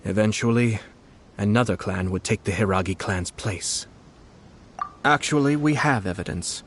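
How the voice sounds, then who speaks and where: Man playing a low-voiced, composed nobleman. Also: slight background noise, lightly acted. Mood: calculating, composed. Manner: measured, formal, polite. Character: composed, shrewd, formal young nobleman and clan head. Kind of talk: video game voice acting.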